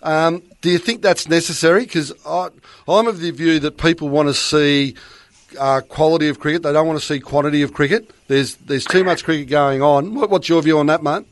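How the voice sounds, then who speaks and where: A man's voice: on the high side, brisk. An Australian man co-hosting a radio sports show, chatty and enthusiastic. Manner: chatty, enthusiastic, says mate a lot. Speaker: radio co-host. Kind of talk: casual radio chat.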